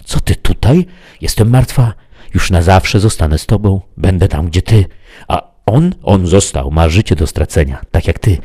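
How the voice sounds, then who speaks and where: A man's voice: deep voice, expressive, normal speed, dark tone, husky, no echo, studio quality. A man reading aloud, voicing a dead young woman who pleads with her lover in a raised, strained voice. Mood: haunting.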